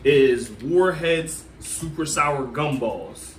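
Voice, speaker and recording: Hosting a candy challenge, a man with a fairly high voice speaks slowly and casually to the group, counting down and laying out the rules while calling everyone "y'all" and "guys." The mic is distant in an echoey room with background noise.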